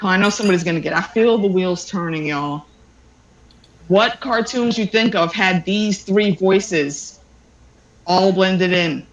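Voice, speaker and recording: A trivia quizmaster hosting a casual online game, reading questions slowly and teasing the players. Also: medium pitch, echoey room, poor audio.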